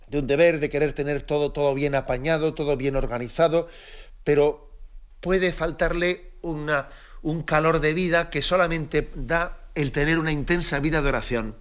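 Earnest priest, muffled recording. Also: male voice, a little high. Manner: earnest, repeats key phrases, rhetorical questions. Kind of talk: reflective sermon to clergy. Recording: dull lo-fi sound.

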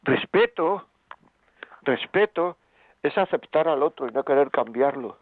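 A man's voice: mid-range voice, brisk, dry recording. Man, radio advice talk, emphatic, repetitive rhetorical questions, dry close sound. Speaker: radio presenter giving relationship advice. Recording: phone-like band, dry.

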